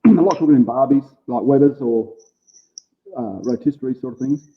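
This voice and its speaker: Man, Australian accent, medium pitch, informal interview guest, plain-spoken casual chat, narrow phone-like sound. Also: a little fast. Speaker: interview guest, small food business owner.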